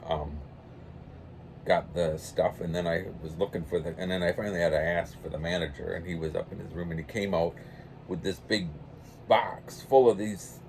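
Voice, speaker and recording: Older guy rambling through a pipe story, low voice, a little room hum. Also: steady tone, moderate pace. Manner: meandering storyteller, quiet and low-key, with many restarts. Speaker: pipe-smoking channel host. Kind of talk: casual rambling anecdote.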